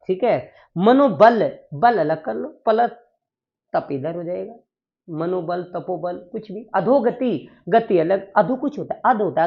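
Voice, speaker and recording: A man's voice: high-pitched, gravelly, lo-fi sound. A man teaching a Sanskrit grammar lesson, drilling the class with repeated questions and answers.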